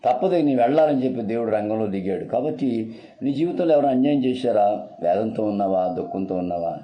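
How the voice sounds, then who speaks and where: A man's voice: lowish voice, animated, fairly quick, dull audio. A man preaching a sermon in an earnest, repetitive, urgent style.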